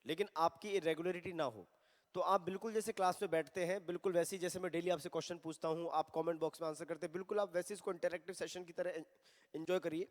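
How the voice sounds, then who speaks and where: High-voiced man teaching grammar. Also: fairly even intonation, long reverb tail. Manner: mixes Hindi and English, reads examples slowly. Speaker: English teacher. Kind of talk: recorded online grammar lesson.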